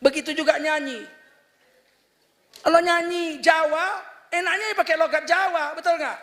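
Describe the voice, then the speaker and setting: A man in his fifties preaching a sermon, animated, firing rhetorical questions and mocking impressions. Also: extremely high pitch, normal speed. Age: 50s. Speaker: Islamic preacher. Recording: long hall reverb.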